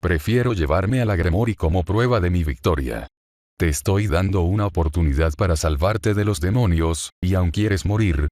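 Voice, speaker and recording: A man's voice: low-pitched, moderate pace, darkish tone, dry recording, studio quality, lightly acted. A man voicing a cruel, taunting female fallen angel in a fan story reading, in a mocking, gloating manner.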